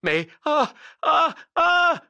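A man's voice: medium pitch, sing-song, moderate pace, fairly bright tone, breathy edge, no room sound. A man voicing a kind, courteous old man who turns terrified, speaking politely and then gasping in fright.

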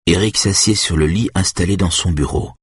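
Deep voiced guy reading an audiobook, kinda husky, dry close mic, calm steady read. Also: normal speed, dry recording. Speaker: audiobook narrator. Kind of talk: scripted narration.

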